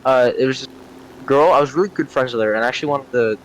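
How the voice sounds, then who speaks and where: Speaking fast at a medium pitch, this young gaming-channel storyteller chats casually, wanders off track, gropes for words, and curses without restraint. Poor audio quality and obvious vehicle-like background noise accompany him.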